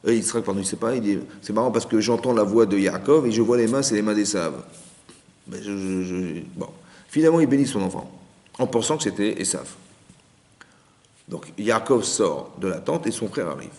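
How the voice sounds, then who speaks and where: A man's voice: on the low side, expressive, moderate pace, a little mellow. A man, a rabbi, giving a Torah lesson, telling the story with acted-out dialogue and rhetorical questions.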